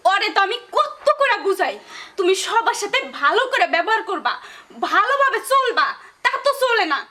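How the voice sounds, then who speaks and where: An actress playing a sharp-tongued young married daughter who talks back to her mother. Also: extremely high pitch, big pitch swings, normal speed, exaggerated voice. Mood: sassy. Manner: sharp, sassy back-talk. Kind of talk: rural comedy drama acting.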